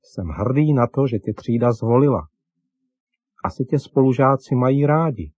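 A gentle, kindly father in a children's radio story speaks to his boys in a soft, instructive tone, as a man narrator puts him on. His voice is slightly husky, and the recording is dull and dry. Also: mid-range voice, no echo, close to an everyday voice. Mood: proud.

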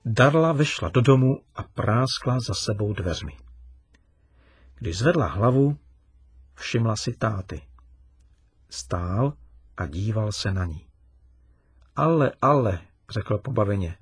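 Husky-voiced male storyteller. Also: on the low side, lively intonation, pauses often, dry recording.

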